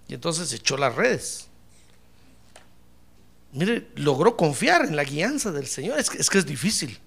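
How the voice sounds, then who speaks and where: A male pastor preaching a sermon in an animated way, mixing jokes with fervent calls to the congregation. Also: on the high side, measured pace, creaky, breathy edge.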